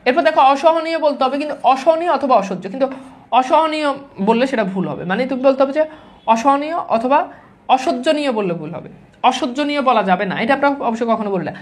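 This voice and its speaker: A woman from Bangladesh teaching grammar to exam students, drilling the wrong and right forms over and over and dropping in English words. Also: high-pitched. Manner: mixes English words into speech. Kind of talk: classroom-style lecture to exam students.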